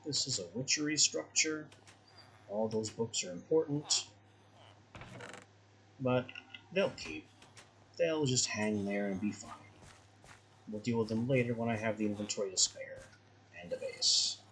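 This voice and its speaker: A man's voice: medium pitch, a little slow, pauses often, a bit bright, a little hiss or hum, poor audio. A man giving casual let's-play commentary as a gaming host, musing aloud in a wry, conversational way.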